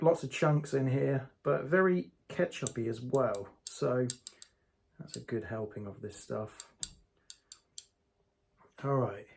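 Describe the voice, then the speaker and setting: A man's voice: mid-range voice, creaky, a little mellow, a little hiss or hum. A man hosting a casual hot sauce review vlog, talking straight to his viewers in a chatty way.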